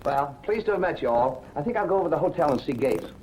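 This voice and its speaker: An actor playing a wisecracking Brooklyn gumshoe. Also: male voice, on the high side, animated, fast talker, a little mellow, natural voice, rough recording. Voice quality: breezy wisecracking drawl. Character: wisecracking Brooklyn ex-cop detective, breezy and sarcastic. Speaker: private investigator. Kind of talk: 1940s film acting. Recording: old film soundtrack with faint hiss.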